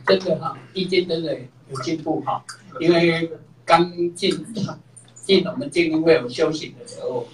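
A woman's voice: low voice, moderate pace. A woman hosting the session, thanking a speaker and adding encouraging comments. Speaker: session host. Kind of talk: thanking and commenting after a talk. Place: classroom. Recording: echoey room, far mic, faint noise.

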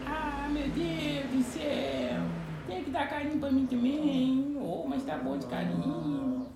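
A Brazilian woman coos at her pets in a very high, lively baby-talk voice, her pitch swooping all over. She stretches her sighs out long and sings her words. The sound is roomy and echoey, with a busy background behind her. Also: background noise. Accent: Brazilian Portuguese. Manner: cooing, sing-song, drawn-out sighs. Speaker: pet owner filming her dogs.

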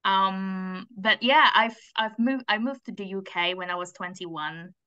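Bright-voiced woman from Indonesia, video call. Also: medium pitch, unhurried, smooth, muffled recording. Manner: animated, gestures with her hands while explaining. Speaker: guest. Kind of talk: casual interview chat. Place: home room with bookshelves. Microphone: video call webcam.

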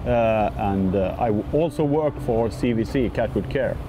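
A man from Sweden who introduces himself in halting speech with many fillers, outdoors on a dock. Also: fairly low pitch, background noise. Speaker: fish biologist, competitor. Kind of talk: casual interview.

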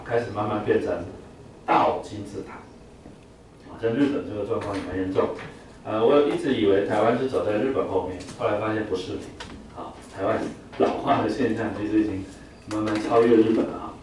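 A male teacher lectures on vocabulary, peppering his explanations with "啊" and leading drills. His fairly low voice comes from across a very echoey classroom. Faint noise sits under the recording. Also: normal speed, darkish tone, far from the mic. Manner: explains with frequent "啊" fillers, drills words for the class to repeat.

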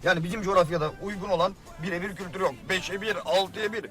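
A high-pitched man talks in a combative, indignant way about his rivals. Music plays clearly beneath his voice. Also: fairly even intonation, fast. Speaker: reality show contestant. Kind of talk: casual chat. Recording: music playing underneath.

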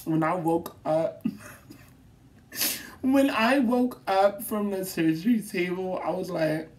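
Low-voiced woman in a chatty vlog. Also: takes it slowly. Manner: chatty, animated, laughs often and swears freely. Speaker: vlogger. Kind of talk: casual recovery vlog.

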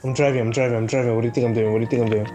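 A man's voice: medium pitch, steady tone, rapid-fire, warm tone, soft background music. A man chatting casually while gaming with a friend, swearing a lot and bursting into panicky outbursts. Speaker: gamer.

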